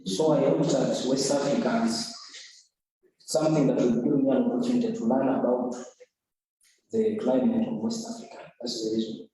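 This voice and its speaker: A young man from Uganda answers an examiner's questions earnestly, pausing and repeating words as he works out his points. His tone is dark and mellow. He sounds distant, caught in a strongly echoing room. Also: medium pitch, steady tone. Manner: earnest, hesitant, repeats words while explaining. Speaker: student defending an essay. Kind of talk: academic oral examination. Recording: echoey room from far off.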